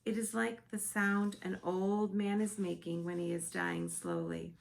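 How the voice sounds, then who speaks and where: Lady doing a gentle big-eared giant, mixed-up grammar, slow and gravelly. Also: mid-range voice, lively intonation. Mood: hushed. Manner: ungrammatical, earnest, mixed-up words.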